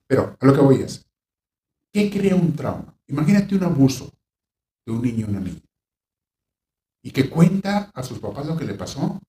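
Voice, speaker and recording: A man giving a reflective, faith-based counseling talk. He shifts between lively bursts that act out panicked reactions and a gentle, reassuring tone. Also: medium pitch. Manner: animated, acts out panicked reactions in quick bursts; gentle, reassuring when voicing comfort. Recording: roomy sound, voice from a distance.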